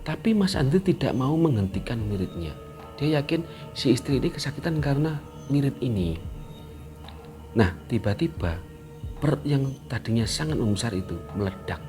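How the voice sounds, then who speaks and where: A man telling a mystery story, acting out the characters' lines with sudden loud bursts. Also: mid-range voice, moderate pace. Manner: animated, acts out quotes with sudden loud bursts. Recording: music in the background.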